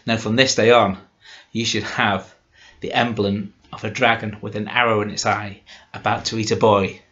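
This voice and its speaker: A man's voice: on the low side, little pitch movement, moderate pace, sharp tone. A man voicing frightened, grieving village folk in a folk tale, speaking in a pleading, earnest way. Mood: admiring. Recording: dull lo-fi recording.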